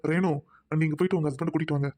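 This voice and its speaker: A man with a Tamil accent, gruff and dismissive in a comic skit. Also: fairly high pitch, fairly even intonation, rapid-fire, mellow. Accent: Tamil Nadu Tamil. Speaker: skit actor.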